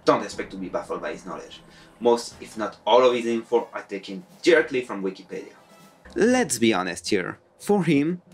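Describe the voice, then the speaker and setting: Recording in a room at home with bookshelves behind him, a man from France presents a scripted video essay as a YouTube reviewer. He has a French accent, a lively pitch, and an animated, sarcastic manner.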